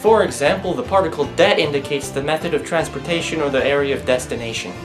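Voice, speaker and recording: A man's voice: fairly high pitch, fast talker. A young man presenting a comedic explainer video in a dry, sarcastic, self-mocking way. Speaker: student presenter. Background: music.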